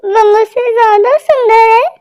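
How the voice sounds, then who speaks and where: A woman's voice: very high-pitched, unhurried, a little mellow. A woman voicing a dramatic young wife in an amateur fan dub, talking in a whiny, sobbing, accusing way. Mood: jealous.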